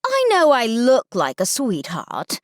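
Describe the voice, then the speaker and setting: A woman voicing a bossy tall teenage girl camp counselor with a British accent, speaking brisk and blunt. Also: a little high, wildly swooping pitch, no echo, studio quality, pitched above the performer's own voice, heavily acted. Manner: brisk, blunt, shouting through a megaphone.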